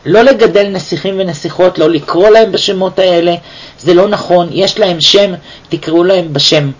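A man giving a weekly Torah portion lesson, talking in a lively way and firing off rhetorical questions. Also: high-pitched. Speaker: Torah teacher. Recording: dull lo-fi recording.

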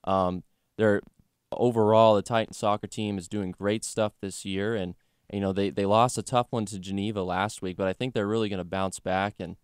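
A man's voice: fairly low pitch, steady tone, normal speed, clear, resonant tone, no echo, clean studio sound. A young man co-hosting a college sports podcast, chatting about games in a loose, joking way with lots of fillers. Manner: chatty, jokey, lots of fillers like "you know" and "like". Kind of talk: casual sports chat.

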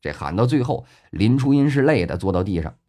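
A man narrating a web novel audiobook in a colloquial storyteller style, full of drawn-out filler particles. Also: on the low side, sing-song, darkish tone.

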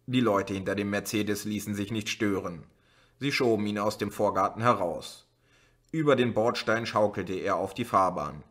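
A man narrates a novel as an audiobook in a steady, even delivery. His voice sits on the low side but carries a bright, forceful edge. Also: moderate pace. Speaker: audiobook reader.

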